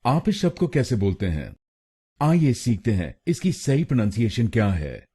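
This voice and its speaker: Man from India, tutor, instructional, slow, warm, husky, repeats words carefully. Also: mid-range voice, very animated. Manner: slow, drawn-out repetition of words. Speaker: pronunciation teacher.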